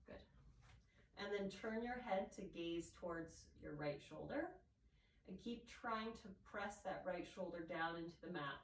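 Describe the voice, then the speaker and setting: A woman with a nasal voice from allergies, calmly guiding a yoga class step by step. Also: fairly low pitch, echoey room, distant mic, a little hiss or hum, low-quality recording. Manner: calm, gentle step-by-step cueing. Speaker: yoga instructor. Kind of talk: guided yoga class instruction.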